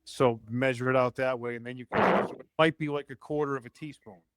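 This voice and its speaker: A man's voice: medium pitch, fairly even intonation, fairly quick, a bit bright, smooth, dry recording. A man hosting a call-in show, talking practically and reassuringly in a casual chat. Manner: practical, reassuring, conversational with fillers. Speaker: host.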